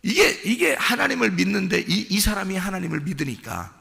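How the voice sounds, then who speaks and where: A man preaching a sermon as a pastor, dropping to low murmurs and then rising to shouted emphasis. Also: big pitch swings, fairly quick, gravelly, in a large hall. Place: church sanctuary.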